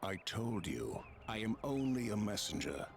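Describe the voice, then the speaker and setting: An actor playing a cagey messenger for sinister masters in a video game, with stilted, wooden, unconvincing bad acting. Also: male voice, on the low side, very animated, normal speed, creaky, soft background music. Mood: guarded, insistent. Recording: game audio with noisy outdoor ambience.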